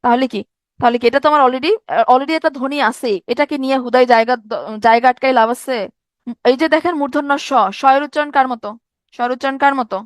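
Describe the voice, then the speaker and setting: A young woman teaches an exam-prep grammar lesson in a high voice, tired from no sleep. She repeats each point and keeps asking her listeners rhetorical questions. The sound is dry and close, with no room echo. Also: steady tone, fast.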